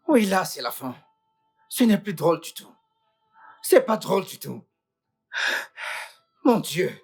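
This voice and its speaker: A woman's voice: medium pitch, husky, heavily acted. A woman dubbing a panicked young husband in a French film dub, groaning, pleading and exasperated.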